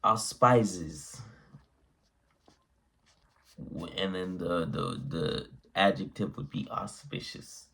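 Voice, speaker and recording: A man's voice: deep voice, slow pace, gravelly, bright, forceful tone, slight background noise. A man with the hiccups giving a laid-back, rambling spoken vocabulary lesson. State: has the hiccups. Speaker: vocabulary teacher.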